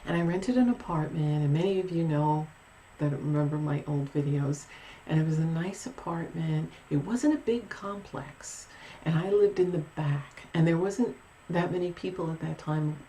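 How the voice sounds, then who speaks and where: A woman's voice: sits low, moderate pace, warm tone, a little hiss or hum, rough recording. A woman telling a paranormal story in a casual, rambling vlog with many restarts and asides. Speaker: paranormal vlogger.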